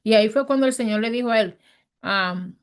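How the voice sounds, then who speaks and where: A woman's voice: on the high side, brisk, smooth. A woman teaching a Bible study in a conversational sermon style, earnest and emphatic. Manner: earnest and emphatic, acts out quoted speech.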